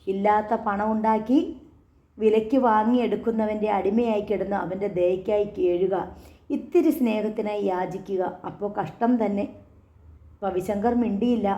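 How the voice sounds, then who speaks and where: Mellow-voiced woman narrating a story. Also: medium pitch, roomy sound. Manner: measured, dramatic reading. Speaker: audiobook narrator. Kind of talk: scripted narration. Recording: dull lo-fi audio.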